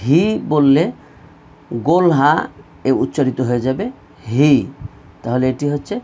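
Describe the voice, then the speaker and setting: A man's voice: mid-range voice, measured pace, warm tone. A man teaching an online Quran reading lesson, drilling letter sounds in pairs and having students repeat after him. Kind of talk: slow recorded online lesson.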